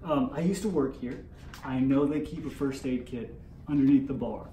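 A man's voice: medium pitch, normal speed, dark tone. A man reading his lines loosely at a casual rehearsal, often joking and laughing. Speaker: actor in a rehearsal. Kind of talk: casual rehearsal read-through. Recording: roomy, distant with faint noise.

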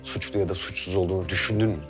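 An actor playing a young defense lawyer in his twenties, calm and earnest as he pleads with his upset girlfriend. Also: low voice, racing, music in the background, lightly acted. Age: 20s. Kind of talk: TV drama acting.

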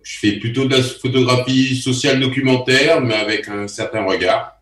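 A man's voice: medium pitch, steady tone, moderate pace, a bit bright. A middle-aged man introducing himself as a panel guest over a video call. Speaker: photographer guest. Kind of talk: self-introduction on a live panel. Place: room at home in Paris. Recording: echoey distant video-call sound.

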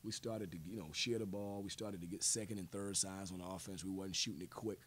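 A man in his forties answers reporters after a game, seated at a table mic in a press room. His voice sits on the low side, and he talks in measured phrases, repeating words and leaning on fillers. A faint rumble runs underneath. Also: fairly even intonation. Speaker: head basketball coach. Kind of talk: post-game press conference. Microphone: table mic on stand.

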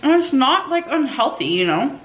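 A woman's voice: high-pitched, very animated, normal speed, echoey room, highs cut off, slight background noise. A woman vlogger talking casually to her viewers, chatty and confessional, with plenty of filler words. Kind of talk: casual vlog chat.

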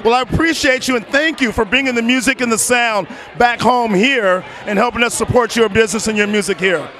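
A man interviewing guests on a film festival red carpet with a handheld mic, talking loudly and enthusiastically. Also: very high voice, a little fast. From San Diego. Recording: music playing behind.

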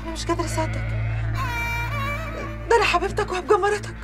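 An actress playing a young Egyptian servant woman who was betrayed, given to wailing laments and sharp scolding, in a TV drama with a music score. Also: extremely high pitch, fast. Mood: shocked, pleading.

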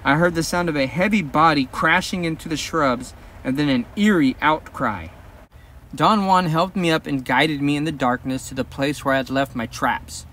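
Male audiobook narrator, slightly high. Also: recorded from a distance, slight background noise. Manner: measured, steady first-person storytelling. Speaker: audiobook reader.

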